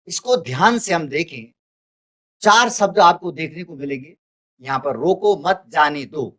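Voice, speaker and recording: A man's voice: fairly high pitch, animated, a bit bright. A male teacher giving a recorded lesson, explaining carefully and restating each point. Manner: deliberate, repeats and restates points.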